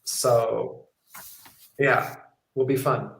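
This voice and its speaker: A documentary filmmaker answering interview questions in a friendly, chatty way, with frequent ums. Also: male voice, medium pitch, fairly even intonation, very slow, vocal fry, fairly bright tone, a little hiss or hum. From South Africa. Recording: roomy echo.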